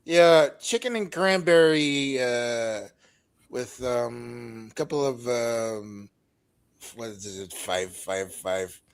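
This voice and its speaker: A man's voice: mid-range voice, slow pace, creaky, smooth. A man from French-speaking Ontario with a French Canadian accent, a native French speaker, chatting casually and hesitantly as he searches for words and apologizes. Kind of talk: casual chat on a live call-in show.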